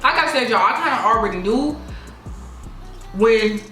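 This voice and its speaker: Young woman vlogger with a bright voice telling a chatty story to camera in a roomy, echoing space. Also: a little high, normal speed, soft background music. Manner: animated storyteller who addresses viewers directly; acts out other people's voices in her story. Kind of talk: casual storytime while eating. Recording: echoey room.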